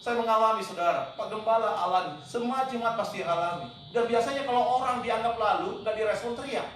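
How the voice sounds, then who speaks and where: A man with a very high voice preaches emphatically from a church hall, now and then breaking into English words and shouted cries. The sound is heavily echoey and caught from some distance. A faint noise sits underneath. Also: brisk. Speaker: pastor. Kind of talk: sermon.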